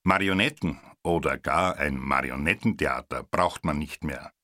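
A man reading a Christmas story aloud in a calm, measured way. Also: a bass voice, dry recording, clean studio sound. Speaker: narrator.

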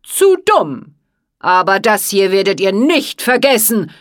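A woman reading a storybook aloud and voicing a furious male ice wizard who rages in a loud, cutting voice. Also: mid-range voice, very animated, slow pace, no room sound, studio quality. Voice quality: cutting, shouting.

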